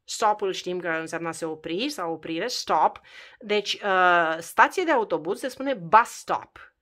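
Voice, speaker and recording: A woman teaches English in a chatty, informal way. She turns to the listener with questions and repeats words slowly to drill the sounds. The delivery is patient and unscripted. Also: fairly low pitch, expressive, a bit bright. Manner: conversational, addresses the learner directly with questions. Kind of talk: spoken English lesson for Romanian learners.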